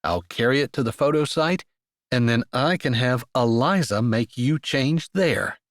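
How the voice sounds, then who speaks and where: A man voicing a stubborn, grumpy young rancher who speaks in a quiet, commanding, clipped way. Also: mid-range voice, a little slow, no echo, studio quality, lightly acted.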